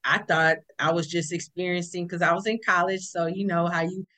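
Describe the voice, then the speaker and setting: Calling in remotely as a podcast guest, a woman from Houston, Texas tells a personal story with animation. Her fairly low voice moves briskly, and she acts out what people said.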